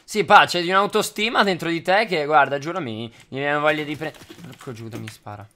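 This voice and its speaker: A young man talking in fast, bright bursts. He teases and pleads with his father by turns while he games at the computer. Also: a little high. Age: young adult. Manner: quick, teasing, pleading. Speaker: youtuber. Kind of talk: prank gaming vlog chat.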